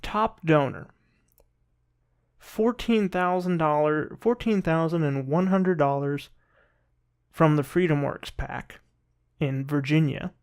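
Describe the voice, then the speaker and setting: A man giving casual political commentary in a rambling, halting and sometimes sarcastic way, often restarting his sentences. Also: a little high, clean tone. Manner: rambling, halting delivery with repeated false starts. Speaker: political commentary video host.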